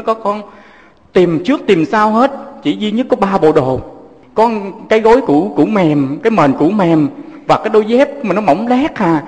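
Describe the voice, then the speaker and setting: A man's voice: high-pitched, long reverb tail. A Southern Vietnamese man, a Buddhist monk, giving a fatherly sermon full of personal stories and speaking to his listeners as his children.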